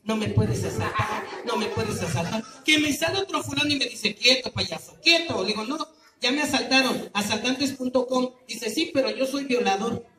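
High-voiced Mexican street clown man. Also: normal speed, crowd noise. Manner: loud, teasing, calling out to the audience. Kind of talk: outdoor clown comedy show with crowd. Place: outdoor public square. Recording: echoey, distant and noisy.

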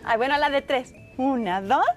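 A woman's voice: high-pitched, moderate pace, over loud music, lightly acted. A young woman with a Mexican accent playing a lovestruck rich socialite in a TV comedy sketch, cooing and whining like someone on a call with a crush. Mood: gushing, lovestruck. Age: young adult. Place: TV studio café set.

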